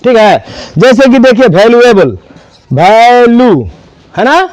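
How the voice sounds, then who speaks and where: High-voiced grammar teacher. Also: male voice, animated, moderate pace, no room sound. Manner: spells words out letter by letter and quizzes students. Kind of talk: classroom lesson.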